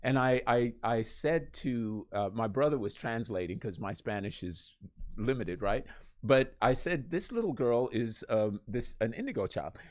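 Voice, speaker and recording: A man's voice: mid-range voice, lively intonation, a little slow. A man from Costa Rica hosting a radio talk show, asking questions in a chatty, joking way with many restarts. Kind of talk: casual interview chat.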